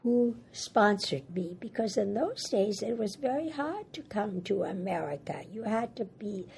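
An older woman who grew up in Germany, speaking English as a second language, recounts her life in an oral history interview in a raspy, hoarse voice, halting and plain. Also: mid-range voice, lively intonation, a little mellow, slight background noise. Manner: halting, plain-spoken, repeats words. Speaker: Holocaust survivor interviewee.

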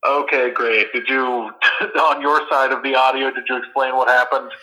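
A man's voice comes through a phone on speakerphone, very bright and sharp. He co-hosts a podcast in a casual, dry-joking way, often tripping over his own words. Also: medium pitch, level tone, moderate pace, low-quality recording. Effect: heard over a phone speakerphone. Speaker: podcast co-host.

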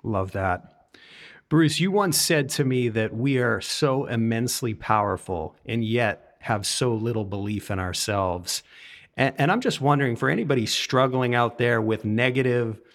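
A man's voice: mid-range voice, unhurried. Male interviewer asking long questions. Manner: poses long, searching questions. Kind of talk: podcast interview.

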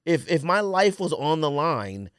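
Co-hosting a sports podcast, an American man talks casually at a measured pace, his pitch swinging widely as he makes animated, opinionated points full of slang. The recording is close and dry, with almost no room sound and no echo.

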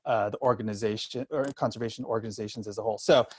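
A middle-aged man speaking candidly as an interview guest, telling personal experience in a halting way, often repeating and restarting phrases. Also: lowish voice, steady tone, slight background noise.

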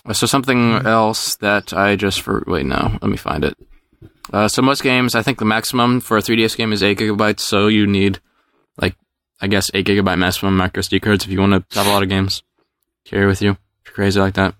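A man hosting a casual podcast, explaining things quickly and teasing the others. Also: fairly low pitch, steady tone, a bit bright, no room sound, studio quality.

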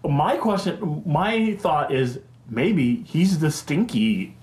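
A man's voice: a little high, expressive, darkish tone. Jokey man riffing in an echoey room. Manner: playful, jokey, puts on quick character voices. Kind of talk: casual movie chat.

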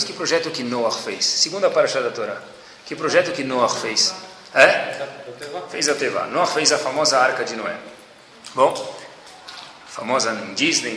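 Bright-voiced man lecturing in an echoey hall. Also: on the high side. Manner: keeps calling out to listeners and asking them questions. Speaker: Torah teacher. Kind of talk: religious lecture to a group. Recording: echoey hall with faint ambience.

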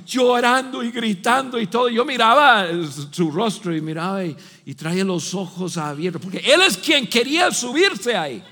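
A middle-aged man, a pastor preaching a sermon with animated storytelling, shouting and laughing as he acts out voices. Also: very high-pitched. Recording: long reverb of a large hall.

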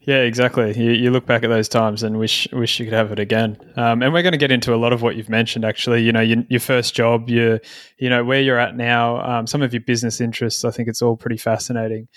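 A man's voice: mid-range voice, little pitch movement, fast talker, fairly bright tone, dry recording, clean studio sound. A man hosting a podcast, asking interview questions in an easygoing, encouraging way. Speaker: podcast host.

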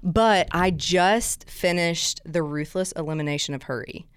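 A woman's voice: on the low side, a little slow, smooth, no room sound. A young woman from Alabama with a mild Southern accent, a podcast guest who gushes and laughs often. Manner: bubbly, gushing, laughs often. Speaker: guest, church team member. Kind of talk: casual interview chat.

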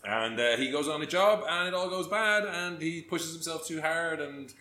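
A man co-hosting a podcast, chatty and rambling, quick to laugh. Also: on the high side, lively intonation, pushed and bright, reverberant, a little hiss or hum. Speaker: podcast co-host. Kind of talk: casual podcast chat.

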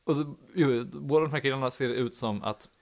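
A man's voice: medium pitch, darkish tone. Young male podcast host, rambling anecdote, fillers galore, mid-range voice. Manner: rambling, filler-heavy, laughs at own story. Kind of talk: casual anecdote telling.

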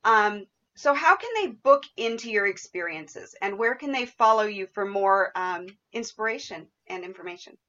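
A woman's voice: medium pitch, animated, moderate pace, sharp tone, muffled recording. A woman hosting a podcast interview in a conversational, effusive and appreciative way. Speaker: podcast host.

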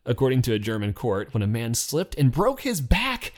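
A man's voice: medium pitch, wildly swooping pitch. Jokey man co-hosting a casual podcast. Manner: jokey, rambling, quick asides and self-corrections. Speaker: podcast co-host. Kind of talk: casual news chat.

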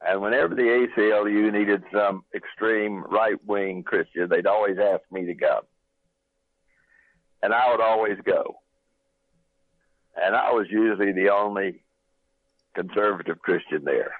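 A pastor calls in as a guest on a radio show, his lowish voice steady and unhurried as he tells stories emphatically, pausing often and dropping in the occasional "uh." It comes through a telephone, so the line sounds tinny, with no room sound behind him.

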